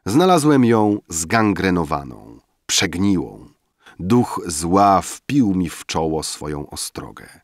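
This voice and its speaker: A man reading a classic novel aloud as an audiobook narrator, measured and expressive. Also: low-pitched, no echo, studio quality. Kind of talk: scripted narration.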